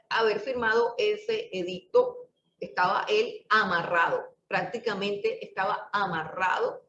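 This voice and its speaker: Woman Bible teacher, deliberate and emphatic; distant, dull recording with faint hiss. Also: mid-range voice, fairly bright tone. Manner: slow and emphatic, repeats key words for stress. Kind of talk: Bible study lesson. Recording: distant, echoey, muffled room recording with faint noise.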